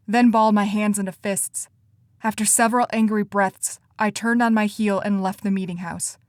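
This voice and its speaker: A woman reading first-person audiobook narration in an even, measured way. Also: medium pitch, no room sound, studio quality.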